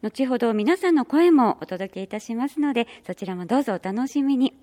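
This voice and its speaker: A woman's voice: a little high, animated, a little fast, dark tone. A woman hosting a community program, interviewing club members in formal, very polite phrasing. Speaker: radio host.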